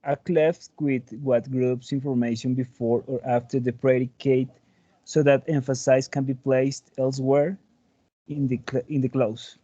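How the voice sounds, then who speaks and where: A man's voice: mid-range voice, level tone, unhurried, dark tone, dry recording, dull audio. A man answering questions and reading aloud as a student in an online English class. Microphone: video call.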